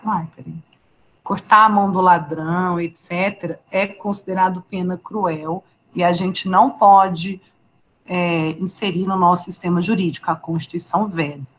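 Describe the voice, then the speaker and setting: A woman's voice: lowish voice, unhurried, a bit bright. A Brazilian woman teaching a live online law class, talking conversationally, asking students questions and answering them by name. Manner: conversational, asks students questions and reads their names from chat.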